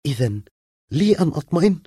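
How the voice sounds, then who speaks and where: A man's voice: high voice, big pitch swings, fairly quick, a little mellow, breathy edge, no room sound, clean studio sound, pitched above the performer's own voice, heavily acted. A man reading a story aloud and voicing an anxious, tearful young woman who pleads and breaks into upset outbursts. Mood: tense. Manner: pleading, rising to distraught outbursts. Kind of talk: audiobook reading.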